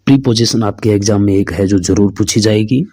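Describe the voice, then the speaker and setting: A man's voice: fairly low pitch, fairly quick, dark tone, no echo. A man teaching an exam-prep English lesson, who asks questions and answers them himself. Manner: calls listeners "friends", asks and answers his own questions.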